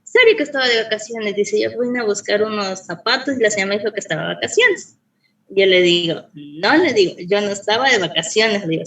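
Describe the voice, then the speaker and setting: A woman recounts a personal story with lively energy and jumps into the voices of the people she quotes. Her voice is mid-pitched and sounds a bit distant, as if she is set back from the microphone. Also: reverberant. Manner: animated storyteller, acts out quoted dialogue. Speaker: student. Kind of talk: telling a personal anecdote. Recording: voice from a distance off the mic.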